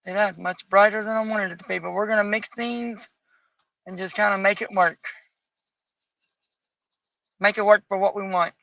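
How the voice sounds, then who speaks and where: Woman streamer, casual and picky, folksy asides, slightly rough morning voice; dry, close, muffled sound. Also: mid-range voice, fairly even intonation, normal speed, long pauses, fairly bright tone, no echo. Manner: muses aloud, picky and chatty, folksy asides. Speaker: streamer coloring live. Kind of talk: casual chat while coloring. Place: home at night.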